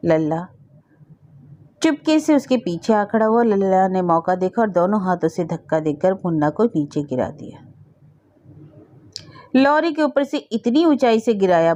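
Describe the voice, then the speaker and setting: Mellow woman reading a story aloud. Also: lowish voice. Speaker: story narrator. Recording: dull lo-fi recording.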